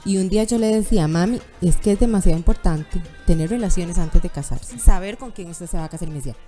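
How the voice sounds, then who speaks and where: A woman's voice: lowish voice, quick pace, faint music behind. A woman in her thirties, a guest on a chat show, telling candid personal stories and acting out the voices she quotes. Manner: animated storytelling, acts out quoted voices.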